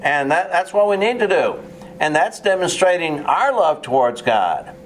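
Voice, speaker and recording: A man's voice: on the high side, very animated, moderate pace, slight background noise. A man preaching a sermon in an earnest, plain way, with touches of sarcasm and frequent restarts.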